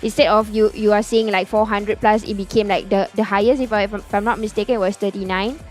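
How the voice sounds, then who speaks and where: A woman's voice: medium pitch, darkish tone. A woman co-casting an esports league, agreeable and hedging, with frequent fillers. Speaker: esports caster. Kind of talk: esports desk analysis.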